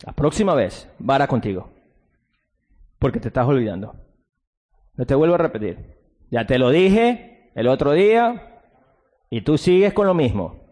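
A man's voice: on the high side, big pitch swings. Male pastor preaching in a reverberant hall. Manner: preaching with sudden loud outbursts and drawn-out emphasis; acts out mocking soft-spoken quotes. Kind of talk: sermon. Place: church.

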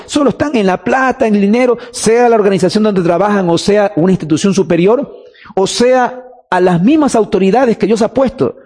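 A man's voice: high voice, a little mellow, long reverb tail. A man preaching a sermon, emphatic, drawing out key words and asking rhetorical questions.

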